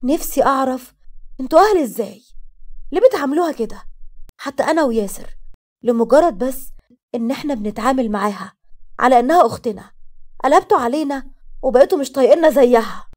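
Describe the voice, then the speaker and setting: A woman's voice: quick pace, pauses often, a little mellow, close to an everyday voice. A woman voicing a frightened but fiercely loyal younger sister, speaking Egyptian Arabic in a raised, pleading voice. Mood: angry. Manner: pleading, pitched up.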